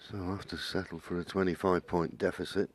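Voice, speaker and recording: Man, very low voice, snooker co-commentary, conversational analysis, explanatory asides. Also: level tone, brisk.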